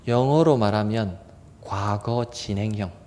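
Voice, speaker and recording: A man preaching a revival sermon in a church, animated and acting out crowd voices. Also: on the low side, measured pace. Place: church sanctuary. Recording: long hall reverb.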